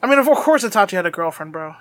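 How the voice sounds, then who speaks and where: A man's voice: high voice, very animated, very fast, a bit bright, dry recording. A young man co-hosting a podcast, chatting casually and animatedly, laughing often and swearing freely. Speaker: podcast co-host. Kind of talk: casual anime recap chat.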